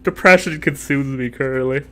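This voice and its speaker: A young man streaming a horror game as host, rambling and joking, his talk dropping to mumbles between louder bursts, into a desk mic at home. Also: mid-range voice, brisk, smooth. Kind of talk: casual gameplay commentary. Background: faint game music.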